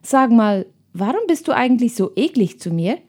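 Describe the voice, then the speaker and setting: A woman's voice: on the high side, big pitch swings, moderate pace, dark tone. A woman voicing a friendly, curious girl who chats eagerly, in a storybook reading. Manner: chatty, friendly.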